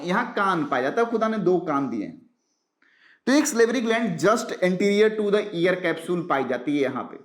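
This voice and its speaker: Teaching biology for exam prep, a man with a high voice throws out rhetorical questions and then answers them. He slowly repeats the key terms and slips English science words into his talk. The recording has a roomy sound.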